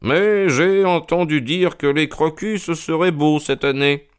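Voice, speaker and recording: A man playing a calm, ironic detective who reasons and mocks with composure, in an audio drama reading. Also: takes it slowly, clean tone. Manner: composed and mocking, lively rises in pitch. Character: calm, ironic male detective, sure of himself.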